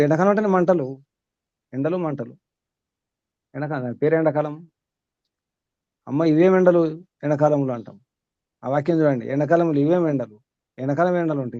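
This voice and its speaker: A man's voice: a little high, mellow, dry recording. Questioning male spiritual teacher, dull sound. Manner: questioning, repetitive, rhetorical. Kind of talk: teaching discussion with a small group.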